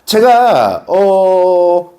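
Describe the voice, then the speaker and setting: A man's voice: high-pitched, very animated, extremely slow, mellow. A middle-aged man who teaches social studies, telling a personal story in class and acting out the quoted voices in it. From South Gyeongsang, Korea.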